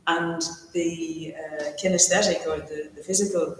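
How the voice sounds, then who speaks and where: A man moderating a panel discussion in a measured way, thanking speakers and inviting responses. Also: a little high, steady tone, a little hiss or hum. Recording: echoey hall with long reverb.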